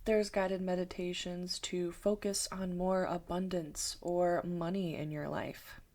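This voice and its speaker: A woman who teaches meditation talks her viewers through the basics. She speaks slowly and calmly. Her voice sits on the low side, and she takes her time over each thought. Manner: slow, calm, thoughtful explaining. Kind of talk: talking-head explainer video.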